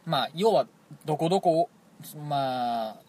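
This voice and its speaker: A man from Toyama with a Toyama dialect, telling a rambling, animated story as a radio show co-host in casual chat. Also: fairly high pitch, measured pace. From Toyama, Japan. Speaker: podcast co-host.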